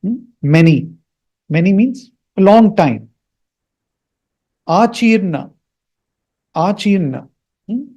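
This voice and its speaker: A man's voice: sits high, lively intonation, slow, pauses often, mellow, slightly rough, muffled recording. A man teaching Sanskrit mantras, with an Indian accent, patiently repeating words and checking that listeners follow.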